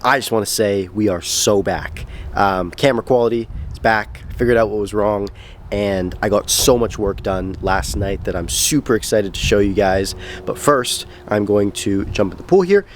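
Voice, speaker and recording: A young male vlogger chats casually to the camera, upbeat, loose, and rambling, out of breath after a run and with a slight cold. His voice is lowish at normal speed, with slight background noise and faint music behind.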